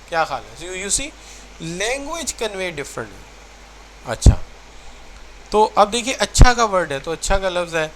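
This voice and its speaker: Male lecturer, animated delivery, somewhat high voice, English terms mixed in, faint background noise. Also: low-quality recording. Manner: mixes English terms into Urdu, addresses students as children; animated, repeats phrases to show tone differences. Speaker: teacher. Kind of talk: recorded online lecture.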